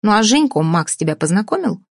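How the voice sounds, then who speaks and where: A woman's voice: medium pitch, sing-song, gravelly, dry recording, clean studio sound. Woman voicing a sardonic domineering older mother. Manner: cutting, sarcastic, slow deliberate delivery.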